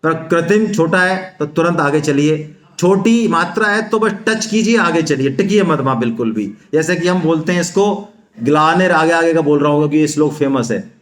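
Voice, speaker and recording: A man giving a spiritual lecture on the Gita, coaching Sanskrit pronunciation and chanting the verses slowly. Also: on the high side, lively intonation, reverberant. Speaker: Gita teacher. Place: seminar hall.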